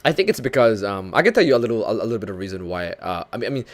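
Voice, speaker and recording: Racing along in a lowish voice, a young Filipino man chats with viewers during a casual VTuber stream. He laughs frequently and is self-deprecating, gets animated when retelling things, and speaks English with a slight North American lean.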